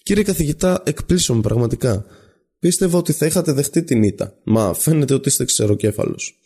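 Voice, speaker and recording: A man voicing a calm, composed young male student who argues patiently with his professor, speaking in a measured way. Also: mid-range voice, breathy edge. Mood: reproachful. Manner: measured, patient, then gently persuasive.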